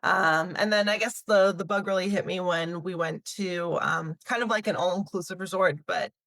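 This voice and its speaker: A lowish, steady, slightly bright voice at a moderate pace, recorded without echo, belongs to a talent agency CEO. She's in her thirties, grew up in Canada, and answers interview questions in a chatty way, laughing lightly amid frequent fillers and restarts.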